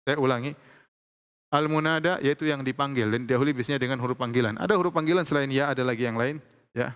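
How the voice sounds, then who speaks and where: A man teaching Arabic grammar in a lecture, explaining slowly and repeating each example with frequent checks of "ya". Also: mid-range voice, fairly bright tone, clear, resonant tone. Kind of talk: classroom lecture. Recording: long hall reverb.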